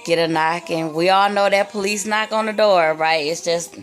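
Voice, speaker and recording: A woman's voice: on the low side, fairly even intonation, moderate pace, soft background music. A young woman casually retelling a personal story for her vlog, rambling and padding her sentences with "like" and "you know.". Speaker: vlogger telling a personal story.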